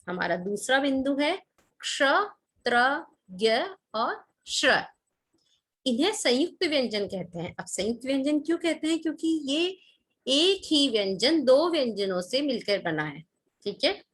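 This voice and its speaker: A woman's voice: fairly high pitch, a bit bright. A woman teaching a grammar lesson to children, patient, asking the class questions and repeating key points.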